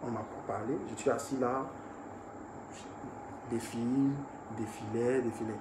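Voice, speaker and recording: A man from Ivory Coast, a musician recounting an incident in a lively, casual interview. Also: medium pitch, a little slow. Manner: animated storyteller, laughs while recounting. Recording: echoey room with background noise.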